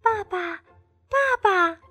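Storybook duckling chick, tiny and adoring, high drawn-out calls, as a woman puts it on. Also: expressive, bright, forceful tone, dry recording, full character voice. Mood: sweet pleading. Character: baby duckling, clingy and sweet.

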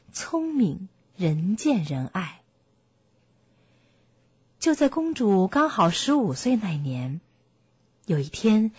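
Woman storyteller, slow storybook read, breathy, music bed. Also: medium pitch, no room sound. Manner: gentle storybook reading. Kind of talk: reading a fairy tale for children. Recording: muffled, dry, soft music behind.

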